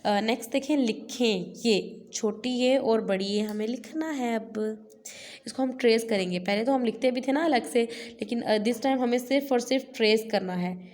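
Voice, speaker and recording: A woman's voice: fairly high pitch, a little mellow. A woman nursery teacher with a Pakistani Urdu accent, patiently drilling letter sounds in a recorded class. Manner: patient, drills letters slowly and repeats "theek hai". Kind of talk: recorded online class lesson.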